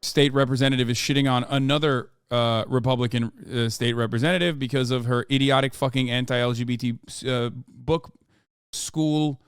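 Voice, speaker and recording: Speaking at a normal speed in a steady, mid-range voice with a clean tone, a Turkish-speaking man in his thirties rants into a close mic. It's casual reaction commentary, blunt, profane, and exasperated, with no echo.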